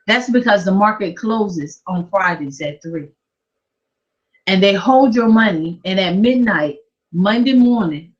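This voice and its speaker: A woman giving a lively testimony at a church prayer service, telling her story with animated energy. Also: medium pitch. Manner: lively storytelling, acting out her own excitement. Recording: dull lo-fi church livestream.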